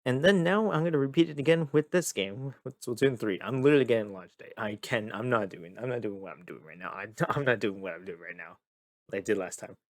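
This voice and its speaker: A young man hosting a casual gaming vlog, tired and a bit monotone, rambling and repeating himself as he talks. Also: medium pitch, fast, dry recording. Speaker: gaming video host. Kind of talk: casual talk to camera.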